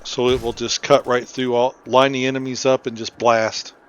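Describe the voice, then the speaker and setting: A gaming video host talks through a playthrough in a relaxed, explanatory way, his voice mid-range and even in tone at a moderate pace. The recording sounds a bit muffled, with a little background noise.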